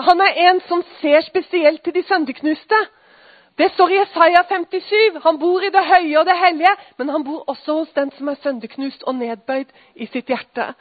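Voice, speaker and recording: A woman's voice: sits high, no room sound. A woman giving an earnest, emotional personal testimony, at times dropping to a whisper. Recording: dry, phone-like sound.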